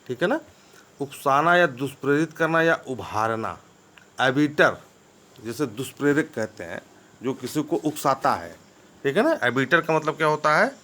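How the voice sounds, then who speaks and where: A man with a mid-range, slightly bright voice teaches English vocabulary. He slowly spells out every word letter by letter and keeps asking "ठीक है ना?" to make sure his students are keeping up.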